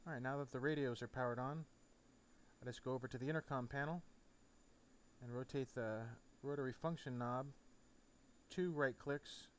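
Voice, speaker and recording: A man with a mid-range voice narrates at a moderate pace, casually showing each step of a flight simulator. No game sound plays, though steady background noise is clearly present.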